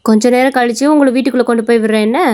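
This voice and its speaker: A woman voicing a kind, caring young village woman in a cartoon story, who talks earnestly and gently. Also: a little high, steady tone, rapid-fire, natural voice.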